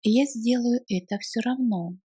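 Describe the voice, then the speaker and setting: A woman leading a language lesson, reading short phrases slowly and repeating them piece by piece for learners. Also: on the high side, mellow, slightly rough. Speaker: language teacher. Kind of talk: slow phrase drills for learners.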